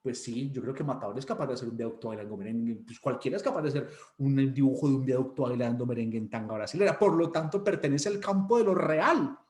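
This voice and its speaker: A man with a Colombian Spanish accent teaching an online class, joking and animated, sometimes putting on mocking voices. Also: medium pitch, fast, hardly any pauses, reverberant. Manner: joking, animated, mocks students with put-on voices.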